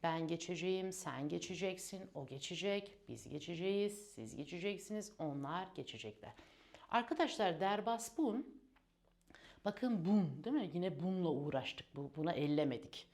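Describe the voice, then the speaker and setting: A woman's voice: lowish voice, expressive, normal speed, darkish tone. A woman teaching an online language lesson, patiently drilling verb conjugations and addressing her learners as friends.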